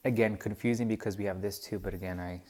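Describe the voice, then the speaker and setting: A man's voice: lowish voice, steady tone, fast, a little mellow. A young man hesitantly walking through a poem's scansion as a student presentation, often restarting and doubting himself. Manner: hesitant, many fillers and restarts, self-doubting. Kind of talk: classroom walkthrough of poem scansion.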